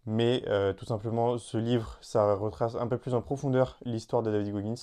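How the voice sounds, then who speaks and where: Guy doing a solo podcast, lots of euh and restarts, mellow dark tone. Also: lowish voice, steady tone, moderate pace. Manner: hesitant, many fillers and restarts; addresses listener informally. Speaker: podcast host.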